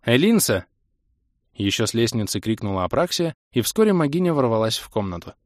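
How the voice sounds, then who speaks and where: A man narrating an audiobook in an even, measured manner. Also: fairly low pitch, no room sound, studio quality. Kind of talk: scripted narration.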